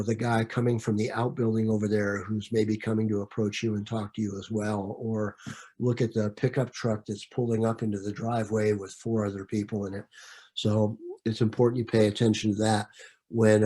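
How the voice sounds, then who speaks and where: A man's voice: lowish voice, little pitch movement, moderate pace, dark tone. A man leading a training session in a conversational way, with frequent fillers and repeated words. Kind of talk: training presentation.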